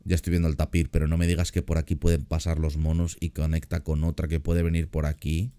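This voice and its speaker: A man giving casual, excitable commentary while playing a zoo game, often repeating words in quick bursts. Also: very deep voice, clean tone, no echo. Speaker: gaming YouTuber reacting to a zoo build.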